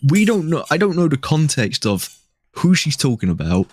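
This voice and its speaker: A man's voice: a little high, big pitch swings, moderate pace, a little mellow, no echo. Dry-sounding man thinking aloud. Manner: thinks aloud, restarts and spitballs ideas. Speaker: guest commentator. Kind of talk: casual chat.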